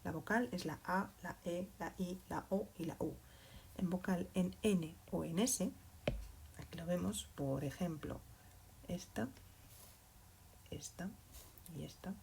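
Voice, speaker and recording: A woman teaching Spanish to learners, speaking slowly and patiently, often checking in with a questioning "mm?". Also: lowish voice, gravelly, a little mellow, a little hiss or hum. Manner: slow and deliberate, spells out examples. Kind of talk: explaining grammar to learners.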